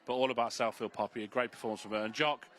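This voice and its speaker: A man's voice: mid-range voice, steady tone, racing, fairly bright tone. A man working as a greyhound racing pundit, giving chatty, enthusiastic live analysis and repeating phrases for emphasis.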